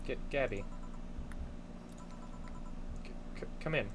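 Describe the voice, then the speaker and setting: A man's voice: medium pitch, slow, noisy background, natural voice. A man voicing an anxious, irritable young woman bartender in a game, with a stammering, dramatic delivery. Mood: hesitant. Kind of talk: hobby video game voice-over.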